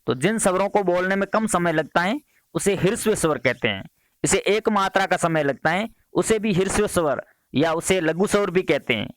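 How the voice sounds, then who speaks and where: A man's voice: sits high, no echo. A man teaching a quiz-style Hindi grammar lesson for exam preparation. He reads each question and its options, then repeats the question and gives the answer. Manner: brisk, repeated "next question" transitions.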